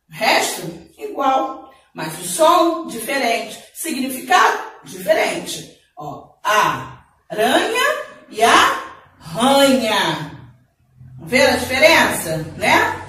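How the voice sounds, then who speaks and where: A woman with a Brazilian accent teaching Portuguese to young children in a remote lesson, drawing out words slowly as she demonstrates them. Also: high voice. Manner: slow, drawn-out spelling and word demonstrations, warm teacherly asides. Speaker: primary school Portuguese teacher. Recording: echoey room, voice from a distance.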